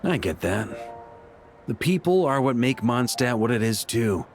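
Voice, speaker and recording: An actor voices an easygoing male knight in a video game, speaking casually in a wry, reflective way over background music. His medium-pitched voice is sing-song and a little slow, and the mood is reflective and sincere.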